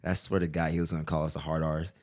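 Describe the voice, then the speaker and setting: A man co-hosting a podcast, telling animated stories in casual chat and swearing freely. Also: rumbling low, racing, slight background noise. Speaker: podcast co-host.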